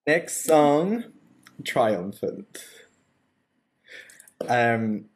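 A man's voice: medium pitch, lively intonation. A man co-hosting a casual music podcast, thoughtful and a little hesitant. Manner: thoughtful, hesitant, drawn-out phrasing. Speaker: podcast co-host. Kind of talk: casual chat.

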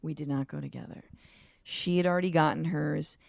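A woman in her late thirties tells a story in a casual podcast chat, and she acts out every quote. Her voice sits a little low for a woman, and the sound is dry and close. She talks with lots of fillers. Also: fairly even intonation, a little fast, vocal fry, no echo. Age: 30s. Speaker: comedian guest.

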